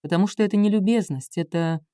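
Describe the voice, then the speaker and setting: A woman reading an audiobook, voicing a gruff, restrained young man who speaks in a low, dry manner. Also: quick pace, warm tone, no echo, natural voice. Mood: wry. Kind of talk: audiobook character voice.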